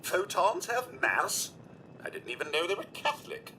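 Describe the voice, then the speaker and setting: A man's voice: high voice, very animated, moderate pace, pushed and bright, slight background noise, heavily acted. An actor voicing a polite male robot butler in a video game, formal and courteous with a dry wit. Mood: wry. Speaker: household robot companion. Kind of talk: video game character dialogue.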